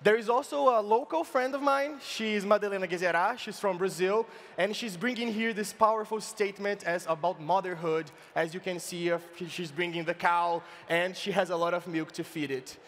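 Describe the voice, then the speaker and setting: A man giving a playful comic science talk on stage, halting often and filling pauses as he explains. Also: high-pitched, a bit bright, a little hiss or hum. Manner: playful, halting, with many fillers and restarts. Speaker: science slam presenter. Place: large event stage, indoors. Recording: reverberant live event hall.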